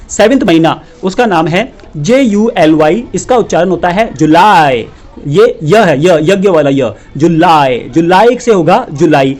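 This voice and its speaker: High-voiced Hindi-speaking man teaching English. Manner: animated, scolding asides; spells out letters slowly. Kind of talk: online lesson.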